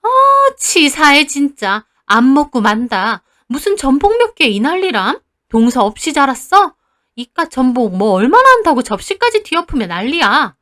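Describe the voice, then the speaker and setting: A woman's voice: high-pitched, sing-song, racing, few pauses. A woman voicing a defensive middle-aged aunt who snaps back with petulant complaints.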